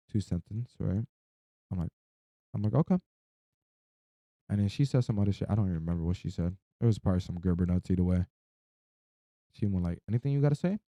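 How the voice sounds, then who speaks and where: A young man with a deep, very dark and relaxed voice rambles in a sleep-deprived, drowsy way. He tells a personal story in casual slang with loose swearing. The sound is dry and close, with hardly any room to it. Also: dry recording.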